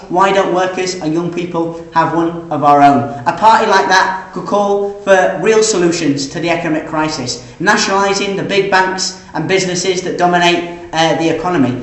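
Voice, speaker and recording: A man's voice: high-pitched, fairly bright tone. Young male activist, earnest, filler-heavy delivery; very reverberant room. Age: young adult. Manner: earnest, many "uh" fillers and restarts. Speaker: student activist being interviewed. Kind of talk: political speech-style interview answer. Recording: very echoey room.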